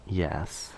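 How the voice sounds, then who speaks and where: This boyfriend ASMR roleplay features a man as an extremely shy, sweetly awkward young stranger overanalyzing his coffee-shop crush. Sounding shy and amused, he murmurs softly and hesitantly, rambling intimately and letting phrases trail away.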